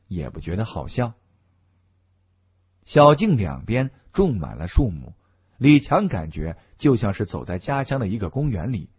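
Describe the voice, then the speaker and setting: A man narrating a novel as an audiobook in an expressive, scripted delivery. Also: mid-range voice, slightly rough. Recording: dull lo-fi audio.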